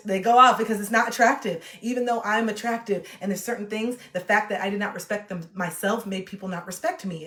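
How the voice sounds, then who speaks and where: A woman in her late thirties, a livestreamer chatting casually and animatedly with her viewers. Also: medium pitch. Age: 30s. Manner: chatty, animated, reacts to chat. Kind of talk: casual chat to a live chat. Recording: echoey room.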